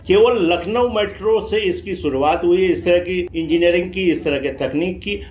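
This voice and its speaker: A man giving informative travel vlog commentary, explaining things directly to viewers. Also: sits high. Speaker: vlog host. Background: faint metro train ambience.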